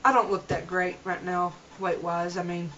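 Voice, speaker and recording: A woman's voice: on the low side, flat delivery, normal speed, fairly bright tone, a little hiss or hum. A young woman talking earnestly in a casual vlog, rambling and restarting her sentences, recorded on a camera mic at home. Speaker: vlogger. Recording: dull lo-fi home video.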